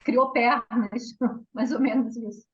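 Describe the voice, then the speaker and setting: A woman's voice: a little high, steady tone. Brazilian woman lecturing over dull video-call audio. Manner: fast, warm, with repeated restarts. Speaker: guest lecturer. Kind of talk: academic seminar talk.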